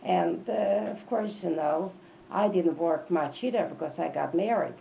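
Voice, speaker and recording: An elderly woman reminisces in an interview, halting and repeating phrases for emphasis. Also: fairly low pitch, vocal fry. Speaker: oral history interviewee. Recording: dull, lo-fi tape with faint noise.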